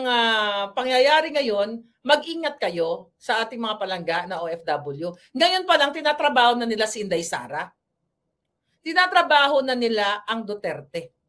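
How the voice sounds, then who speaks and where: A fairly high-pitched woman from the Philippines talking straight to her viewers in a loose political commentary vlog. She is blunt and combative and chats at length, sliding between Tagalog and English as she goes. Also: a bit bright. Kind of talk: casual political commentary monologue.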